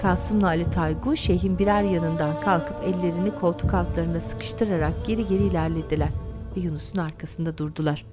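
Female audio-description narrator, lower register, reading scene action over a score. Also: steady tone, fairly quick. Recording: drama music behind narration.

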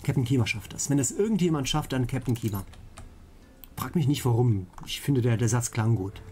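A man's voice: medium pitch, lively intonation, a little fast, mellow, slight background noise. A man hosting a let's play, chatting casually and playfully repeating words to himself as he plays. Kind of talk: casual gameplay commentary.

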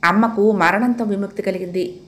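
A woman voicing a gentle grown man who speaks calmly and heartfelt to an old friend. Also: medium pitch, brisk, lightly acted. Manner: calm, heartfelt.

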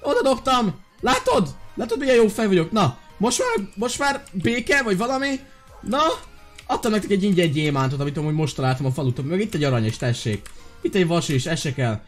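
A man hosting a video game channel, giving playful, excitable commentary while talking to his viewers. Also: high-pitched, faint music behind. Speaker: gaming video host.

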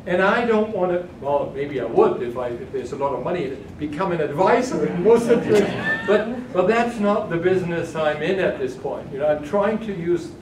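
An older German man delivers a keynote to a conference audience, fielding questions hesitantly with many restarts and fillers. His fairly high voice has lively intonation, normal speed, and hardly any pauses. A distant room camera picked him up in a large carpeted hall, so the recording is echoey and noisy.

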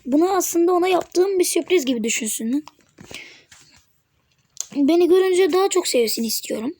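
Excitable high-voiced woman gaming. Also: normal speed. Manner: excitable, teasing, talks to the game. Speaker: gaming channel host. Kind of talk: live gameplay commentary.

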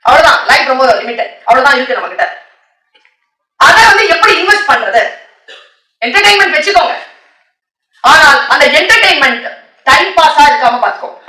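A woman delivering a motivational talk in a lively storytelling manner, her voice high and bright. She slips English words into her speech. The sound is roomy and distant, caught from across a hall. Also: brisk, pauses often. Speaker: motivational speaker. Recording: echoey hall, distant mic.

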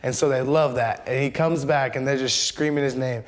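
A young football player tells an easygoing story in a chatty voice. The recording has a faint hiss. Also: male voice, mid-range voice, fairly even intonation, normal speed. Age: young adult. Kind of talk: interview.

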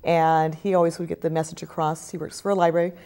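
Earnest woman storyteller, slightly low voice. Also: level tone, fast, mellow. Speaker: storyteller guest. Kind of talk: interview then storybook narration. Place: local TV studio.

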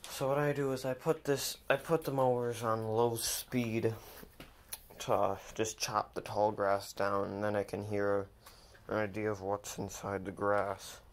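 A man narrating a casual vlog in a monotone with little word stress, recorded outdoors on a handheld device. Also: fairly low pitch, unhurried. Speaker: vlog host. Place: outdoors in a yard. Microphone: handheld camera or phone mic. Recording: loud outdoor engine noise, clicks, handheld.

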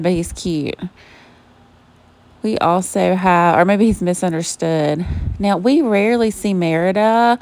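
In a mid-range voice on a dry recording, the Southern-accented vlogger from Savannah, Georgia chats warmly to her audience while shopping inside a retail store. She's gushing and talkative, says "y'all" to viewers, and films it all on a handheld phone camera.

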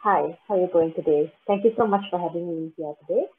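A woman's voice: on the low side, fast, husky. A young woman from Malaysia presenting her journey in a webinar, chatty with many uhs and likes, speaking through a headset. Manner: chatty, fillers like uh and like. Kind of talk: casual webinar talk. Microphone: headset on a video call. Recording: tinny phone-like call audio.

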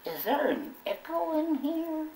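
A man's voice: extremely high pitch, sing-song, unhurried, darkish tone, a little hiss or hum, pitched above the performer's own voice, heavily acted. A ventriloquist man voicing a bumbling, folksy old male bird puppet who rambles in country talk. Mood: rambling. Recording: roomy echo, from far off.

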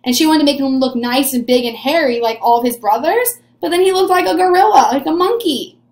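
A woman in her twenties, an early elementary teacher, gives an animated read-aloud lesson to young children, encouraging them and asking questions she then answers as if pupils had replied. Her voice sits high and is animated, fairly quick and a little mellow. She's recorded in a small, echoey room by a webcam or camera at desk distance.

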